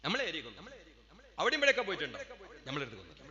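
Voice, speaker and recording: A man preaching at a madrasa gathering, moving between chatty asides and loud, drawn-out chanted declamation. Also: on the high side, wildly swooping pitch. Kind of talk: Islamic sermon. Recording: dull lo-fi sound with long hall reverb.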